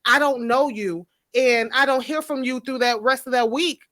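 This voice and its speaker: Bright blunt-talking woman. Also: high-pitched, moderate pace. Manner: blunt, argues her point firmly. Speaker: podcast co-host. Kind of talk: casual group chat.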